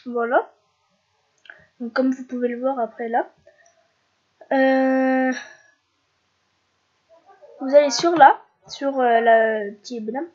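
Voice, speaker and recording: In this screen-recorded tutorial, a young French YouTuber with a stuffy head cold speaks in a high, steady tone. She hesitates on fillers and restarts her sentences, and her home mic sounds dull and lo-fi.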